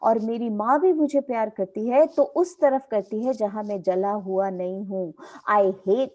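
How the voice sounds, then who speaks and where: A woman's voice: mid-range voice, a little slow, a little mellow, dull audio, lightly acted. A woman voicing a resentful young man with a burned face who complains and pities himself, retold for students. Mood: bitter.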